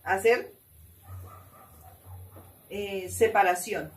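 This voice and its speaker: A woman's voice: mid-range voice, very slow. Woman teaching scripture from a distance. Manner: reads scripture then explains, asks the group questions. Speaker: Bible teacher. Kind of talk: Bible study teaching. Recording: distant mic with faint room noise.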